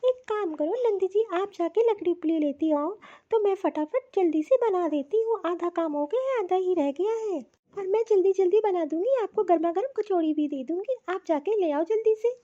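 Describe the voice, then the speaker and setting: A woman's voice: very high-pitched, normal speed, few pauses, mellow, highs cut off. A woman voicing a patient, apologetic young daughter-in-law who explains herself at length in a cartoon.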